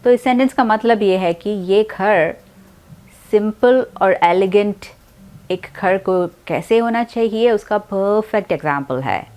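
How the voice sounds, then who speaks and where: A young woman with an Indian accent teaching English pronunciation, explaining calmly and repeating each word slowly for practice. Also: mid-range voice. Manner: spells out words slowly and repeats them for practice. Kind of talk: slow explanatory lesson.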